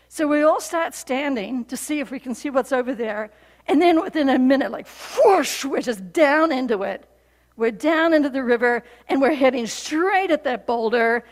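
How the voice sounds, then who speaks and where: High-voiced woman preaching in a reverberant hall. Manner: storytelling, animated and conversational, with frequent fillers. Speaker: pastor. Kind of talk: sermon. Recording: long reverb of a large hall.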